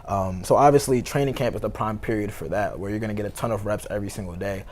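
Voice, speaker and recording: An American sports reporter from Baltimore speaks fast in a lowish, darkish voice, with slight background noise. Guesting on a talk show, he offers casual, conversational analysis peppered heavily with "you know" and "like."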